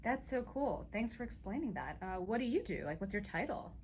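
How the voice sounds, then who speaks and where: Lively-voiced woman interviewer. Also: medium pitch, slight background noise. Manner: upbeat, quick reactions like "cool" and "awesome". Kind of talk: casual interview.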